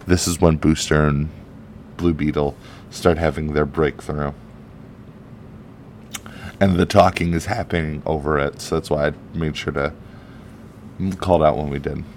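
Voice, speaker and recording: A man giving casual, excited commentary on a comic book, chatty and swearing now and then. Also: very deep voice, a little slow, pauses often, a little hiss or hum.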